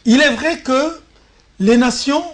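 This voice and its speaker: A man weighs his words carefully as a panel journalist. His commentary is formal and deliberate, with small stammers as he starts each point. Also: extremely high pitch, a bit bright. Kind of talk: measured political commentary.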